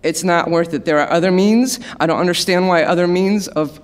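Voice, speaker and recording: A woman speaking up at a public hearing, her testimony nervous and halting. She is emotional and close to tears, restarting her sentences and apologizing as she goes. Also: on the low side.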